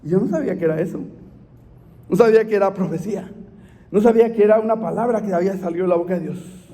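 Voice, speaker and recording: A man with a strikingly high voice preaches with fervor, calling his listeners brothers and rising into shouts. His voice rings out with a long hall reverb around it. He sounds middle-aged, leading a night church service. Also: fast talker. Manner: fervent, calls listeners brother, bursts into shouts. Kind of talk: sermon.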